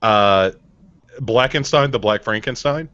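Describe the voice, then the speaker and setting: A man's voice: on the low side, unhurried, a bit bright, no echo. A man co-hosting a live horror podcast, listing bad movies in a laid-back, profane way. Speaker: podcast co-host. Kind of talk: casual chat. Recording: dull dry sound.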